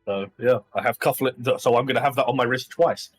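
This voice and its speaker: A man's voice: medium pitch, fast talker, faint music behind. A man chatting casually as a player in an online tabletop game, joking and laughing often. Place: home computer desk.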